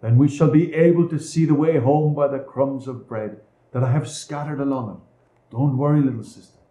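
A young boy speaks softly to calm his sister, as a man reading the tale voices him. The tone is low-key, mellow and quiet, with room echo behind him. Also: normal speed, natural voice. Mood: reassuring. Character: young boy Hansel, gentle and comforting.

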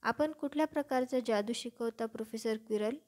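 A woman's voice: a little high, fairly quick, a little mellow, natural voice. A woman voicing a polite, bewildered young boy who asks puzzled questions. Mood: curious.

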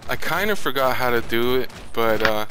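A man's voice: mid-range voice, lively intonation, normal speed. A man chatting casually as he plays a video game with a friend over voice chat. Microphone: voice chat call while gaming. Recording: background noise, clicking sounds.

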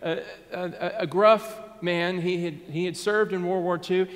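A man in his thirties with a Southern US accent, preaching a sermon from the pulpit of a church sanctuary, earnest and dropping to a soft hush on key words. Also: sits high, fairly even intonation, a little slow. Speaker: pastor. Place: church sanctuary, in front of a Christmas tree. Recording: long hall reverb.

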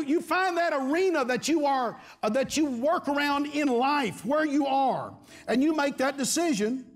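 A middle-aged man preaching a sermon to his congregation, repeating his phrases and calling for amens. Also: very high-pitched. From Texas. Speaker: pastor. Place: large church stage before a congregation.

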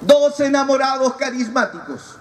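A man's voice: very high voice, lively intonation, normal speed. A man giving a humorous preaching talk at a youth retreat and teasing his audience. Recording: distant mic, audible crowd, noisy.

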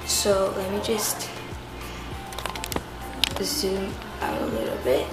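At her home kitchen counter, a cooking vlogger walks through a recipe step by step in a loose, chatty way, sprinkling in lots of "like" and "so." Her mid-range voice is expressive and slow. The room echoes, loud music plays underneath, and the audio is poor.

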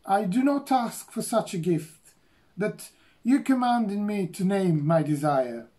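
A man's voice: sits high, unhurried. A man reading aloud as a humble, stammering dwarf, hesitant and earnest. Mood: awed.

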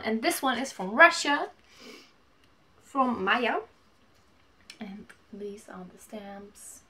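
A woman in her twenties chatting casually while opening mail at home, gushing and reading letters aloud haltingly. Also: high-pitched, a bit bright. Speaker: vlogger. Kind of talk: casual unboxing chat. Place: small home room, indoors.

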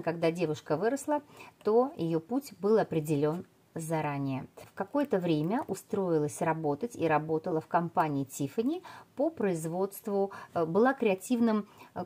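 A woman's voice: lowish voice, darkish tone. A middle-aged woman reviewing a perfume in a casual video, rambling with many fillers and restarts.

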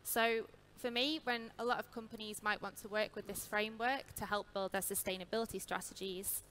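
A woman panelist on a large stage, speaking in an articulate, fluent and measured way with a headset mic. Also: medium pitch, steady tone, fairly bright tone, a little hiss or hum. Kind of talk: panel discussion.

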